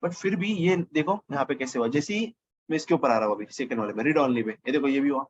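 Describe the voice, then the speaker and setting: Husky man teaching coding, thinking aloud. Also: medium pitch, quick pace, lo-fi sound. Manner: thinks aloud, corrects himself mid-sentence. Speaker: programming teacher. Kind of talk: casual screen-recorded coding lesson.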